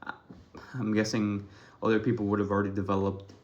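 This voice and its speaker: A man's voice: lowish voice, monotone, a little fast, highs cut off. A young man from Ecuador rambling casually to camera, thinking aloud with many restarts and self-deprecating asides. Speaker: vlogger.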